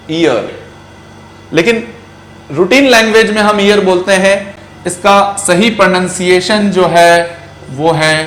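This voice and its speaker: A man with an Indian English accent teaching an exam-prep grammar lesson in a classroom, drawing out words slowly as he drills pronunciation. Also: sits high, fairly bright tone. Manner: slow, stretched-out pronunciation drills. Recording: echoey room.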